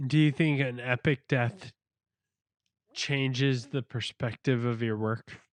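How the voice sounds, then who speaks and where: Slow-talking man asking questions. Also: medium pitch, fairly even intonation, no echo. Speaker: podcast host. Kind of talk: casual interview chat.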